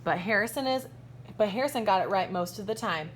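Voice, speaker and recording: A teacher with a medium-pitched voice gives an expressive storytime reading of a picture book, her intonation lively and swinging. She emphasises important words and stops to put questions to the children, with asides along the way, over faint background noise.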